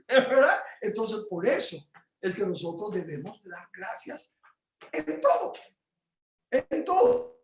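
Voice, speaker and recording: A Bible teacher instructs his home group on praise, casual but animated, bursting into loud exclamations and stumbling over fillers. His voice sits high, and the sound is roomy.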